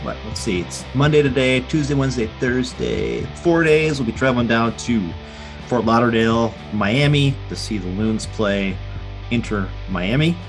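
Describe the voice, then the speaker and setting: A man's voice: medium pitch, animated, moderate pace, faint music behind. An American man hosting a casual sports fan podcast, chatting informally. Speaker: podcast host.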